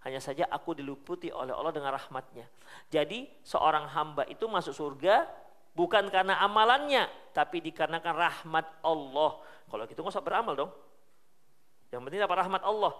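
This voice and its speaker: A male Islamic preacher with a Medan Indonesian accent, giving a sermon full of lively storytelling that swings between loud emphasis and soft hushed asides. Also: fairly high pitch, a little fast.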